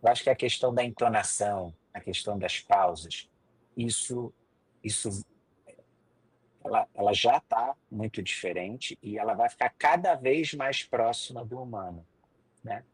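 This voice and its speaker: Husky low-voiced man hosting. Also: moderate pace, no room sound, rough recording. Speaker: host. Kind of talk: live stream interview.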